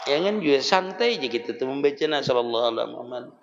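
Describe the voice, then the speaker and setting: A man's voice: mid-range voice, lively intonation, fast. A man with a Banjar Malay accent gives a casual religious lesson, explaining in a folksy, conversational way with frequent chuckles. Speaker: religious teacher. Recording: dull lo-fi recording in a reverberant hall.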